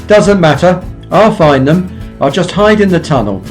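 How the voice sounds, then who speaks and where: A woman's voice: lowish voice, animated, normal speed, darkish tone, soft background music, lightly acted. A woman voicing a bullying male diesel engine who sneers and schemes, in a toy-train storybook. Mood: sneering. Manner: menacing, sneering.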